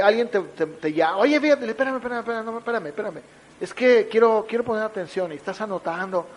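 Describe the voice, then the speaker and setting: High-voiced man preaching with questions. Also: low-quality recording. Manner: teaching with everyday examples and rhetorical questions; lively, acts out little scenes with shifting voice. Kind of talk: sermon.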